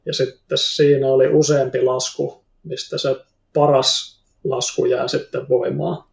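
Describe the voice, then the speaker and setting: A man with a gravelly, creaky voice giving short, matter-of-fact answers in a casual podcast chat. His voice sits in a middle pitch. The sound is roomy, with a noticeable echo. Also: flat delivery. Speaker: podcast guest, racer.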